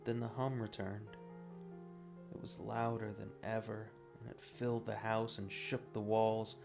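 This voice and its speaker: A man narrating a scripted first-person horror story in a grave, haunting manner, with dramatic pauses. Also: lowish voice, flat delivery, creaky. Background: guitar music.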